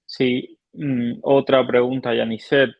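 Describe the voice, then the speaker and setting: A man's voice: medium pitch, little pitch movement, slow, gravelly, dry recording, highs cut off. A male host interviewing a guest and reading out viewer questions, hesitant with fillers as he starts each question.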